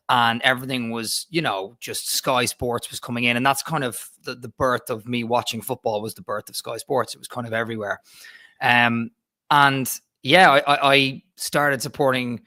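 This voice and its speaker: Podcast guest, Irish man in his thirties, bright, dry close sound, chatty storyteller. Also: medium pitch, dry recording. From Ireland. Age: 30s. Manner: chatty storyteller with frequent restarts. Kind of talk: casual chat.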